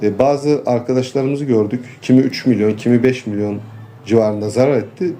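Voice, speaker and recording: A man, a farmer and local official, talking earnestly in a street interview and pausing often with fillers. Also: medium pitch, fairly even intonation, warm tone, a little hiss or hum. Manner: earnest, complaining, halting with fillers.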